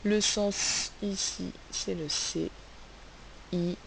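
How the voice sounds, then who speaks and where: A woman teaching a phonics lesson, sounding out letters and syllables slowly and asking the class questions. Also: mid-range voice, fairly even intonation, creaky, rough recording. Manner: slow, carefully spelled-out sounds, asks questions. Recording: faint hiss.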